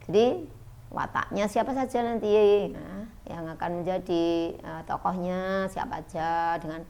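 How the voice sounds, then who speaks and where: A woman's voice: on the low side, measured pace, gravelly, darkish tone. A middle-aged woman teacher giving an online school lesson, explaining step by step with frequent fillers.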